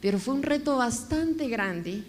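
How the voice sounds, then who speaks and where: A woman from Guatemala telling her life story as a guest in an interview, animated and emotional. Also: fairly high pitch, measured pace, a little hiss or hum. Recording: echoey hall.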